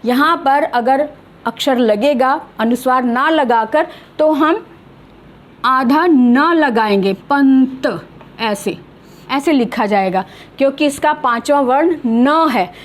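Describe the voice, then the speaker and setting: A middle-aged woman teaching an online grammar lesson, patiently explaining and slowly drawing out each example word. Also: high voice.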